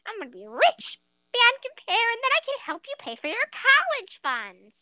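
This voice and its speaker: Jacob, a girl playing an excitable stammering boy. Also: very high-pitched, moderate pace, no echo, highs cut off, exaggerated voice. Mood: excited. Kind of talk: amateur audio drama.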